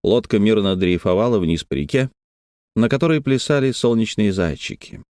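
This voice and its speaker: A man reading an adventure novel aloud as an audiobook narrator, steady and measured. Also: on the low side, no room sound, studio quality. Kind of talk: scripted narration.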